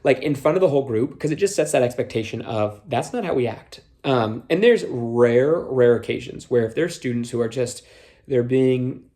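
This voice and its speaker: Young man, mid-pitched, casual instructional tone, Minnesota-born, slight Minnesota accent on a few words, filler-heavy. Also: animated, moderate pace, mellow. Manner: conversational, many fillers, acts out quotes. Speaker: youth small group leader trainer.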